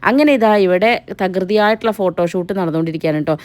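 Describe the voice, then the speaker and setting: A woman's voice: on the low side, racing, a little mellow, no echo. A young woman, narrating a family wedding vlog in a chatty, teasing voice-over that speaks straight to viewers. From Kerala. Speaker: family vlogger. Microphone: voice-over mic.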